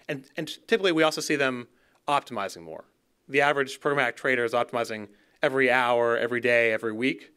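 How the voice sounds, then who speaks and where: Bright, smooth-voiced man giving a keynote. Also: mid-range voice. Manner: fluent, conversational, repeats words at restarts. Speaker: keynote speaker. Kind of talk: conference keynote talk. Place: dark auditorium stage. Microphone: podium gooseneck mic.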